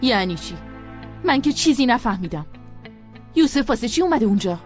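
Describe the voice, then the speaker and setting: A woman's voice: fairly high pitch, very animated, soft background music. An actress playing an angry, protective middle-aged mother who scolds her daughter in a dubbed TV drama. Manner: scolding and urgent.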